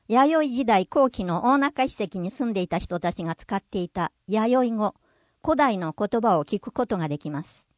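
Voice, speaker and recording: A woman with a fairly high voice reads a scripted narration at a measured pace. She slows down to sound out example words. The recording is dry and close, with no room sound. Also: no echo.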